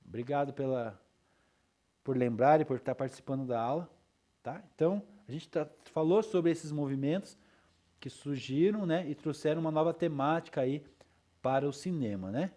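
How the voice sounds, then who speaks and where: A man's voice: on the high side, normal speed, mellow. A male teacher lecturing his class in a loose, chatty way, with frequent tag questions and checks for understanding.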